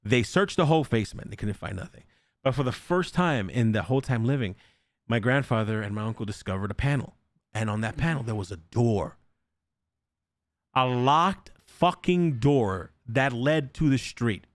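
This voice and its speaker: A young man with a medium-pitched voice hosts a podcast at normal speed, with no room sound. He tells a ghost story casually and animatedly, swearing frequently and acting out the voices of the people in it.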